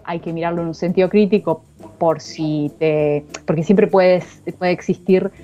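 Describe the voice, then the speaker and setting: A woman's voice: fairly low pitch, steady tone, a little slow, dark tone, highs cut off, faint music behind. A woman with an Argentine accent, an author talking casually about her book in an interview, slangy and thinking aloud. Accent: Argentine Spanish. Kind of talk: casual conversation.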